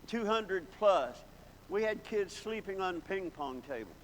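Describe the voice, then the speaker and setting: Folksy male preacher, fairly high voice, long church-hall reverb. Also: expressive, unhurried. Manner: folksy, reminiscing, building to emphatic exclamations. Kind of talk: sermon with storytelling. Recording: long hall reverb, faint background noise.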